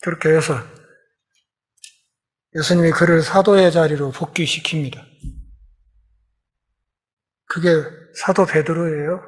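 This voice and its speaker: A pastor with a notably high voice leads a Bible lecture. He tells the story with energy and acts out the conversations, swinging from loud, pressing emphasis to quiet, low stretches. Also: steady tone, unhurried, long pauses. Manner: storytelling, acts out the dialogue of biblical characters.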